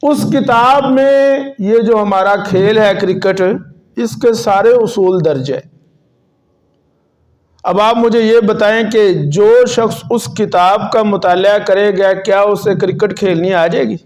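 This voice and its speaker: A man's voice: sits high, darkish tone. A man preaching a sermon as an Islamic preacher, stressing words emphatically and putting questions to the audience. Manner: questions the audience and urges them to answer.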